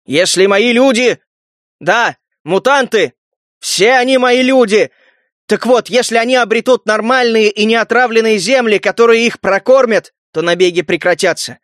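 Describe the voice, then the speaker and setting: A man voices a persuasive warlord emperor, pitched above his own natural voice, which comes out high and fairly bright at a moderate pace. The recording is dry, with clean studio sound.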